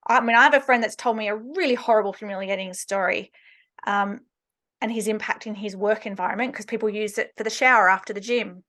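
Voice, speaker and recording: A woman's voice: medium pitch, brisk, bright, forceful tone. A woman hosting an interview podcast, asking questions and explaining her points emphatically. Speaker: podcast host.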